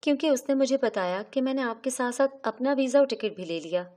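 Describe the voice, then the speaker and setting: A woman reads a scripted first-person story in an earnest, confessional tone. Her voice sits somewhat high for a woman and stays steady throughout. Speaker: narrator.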